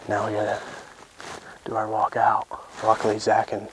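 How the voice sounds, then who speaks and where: A man's voice: on the low side, monotone, moderate pace, background noise. A man talking casually outdoors as a bowhunter on a hunt, informal and thinking aloud. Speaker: bowhunter filming his hunt. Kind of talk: casual unscripted hunting chat. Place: outdoors in open hilly country.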